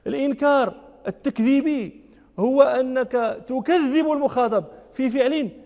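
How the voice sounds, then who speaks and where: A man teaching a lecture class. He recites verses softly, then explains them with rising emphasis and quick rhetorical checks. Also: very high voice. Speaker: Islamic scholar teaching. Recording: dull lo-fi audio with long hall reverb.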